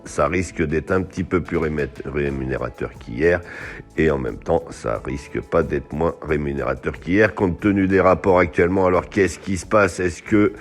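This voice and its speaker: Very deep-voiced chatty male racing tipster. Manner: chatty, animated outbursts, drawn-out horse names. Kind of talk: live tipping show, reading viewer messages.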